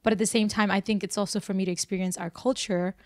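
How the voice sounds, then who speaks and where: A woman's voice: mid-range voice, fast talker, no echo, studio quality. A woman in her twenties from Burma, a singer and nurse, chatting casually as a podcast guest. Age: 20s. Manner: relaxed, chatty, laughs easily. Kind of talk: casual interview chat. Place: small indoor studio set on a couch. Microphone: handheld microphone.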